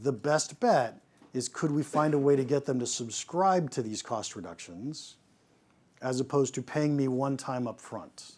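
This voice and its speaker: A man, a pricing consultant, giving an animated presentation on pricing, asking rhetorical questions and often restarting his sentences. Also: medium pitch, measured pace.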